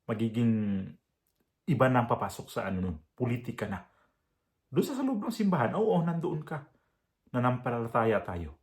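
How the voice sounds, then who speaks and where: A man from the Visayas talks through a reaction video in his heavy Visayan accent. He is blunt and proud, circling back with fillers and restarts, at an everyday middle pitch. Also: big pitch swings, moderate pace, pauses often, a little mellow. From Visayas, Philippines. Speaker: reaction vlogger. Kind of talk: casual commentary.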